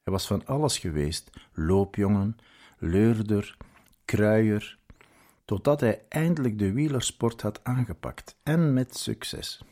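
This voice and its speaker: A man reading a story aloud in a measured, scripted narration. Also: fairly low pitch, warm tone.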